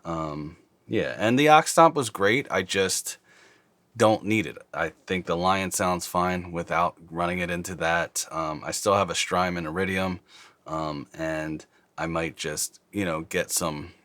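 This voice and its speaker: Very low-voiced man, mouth numb from dentist. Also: measured pace, a bit bright, dry recording. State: mouth slightly numb from dental anaesthetic. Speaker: host of guitar gear videos. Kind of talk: casual chat to camera. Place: small dark studio, indoors.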